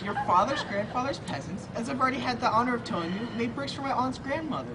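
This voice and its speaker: A woman's voice: on the high side, animated, fast, lightly acted. A young woman reading the part of a touchy, anxious young male landowner in a live outdoor play reading, indignant and insistent. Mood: pleading. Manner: indignant, insistent, rising to shouts. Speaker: student actor. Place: outdoor courtyard. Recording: distant voice over loud crowd noise.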